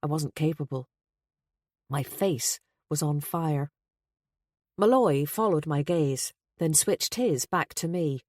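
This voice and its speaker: Low-voiced woman narrating an audiobook. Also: takes it slowly, a little mellow, no room sound, clean studio sound. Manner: wry, introspective first-person telling. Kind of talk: scripted first-person audiobook narration.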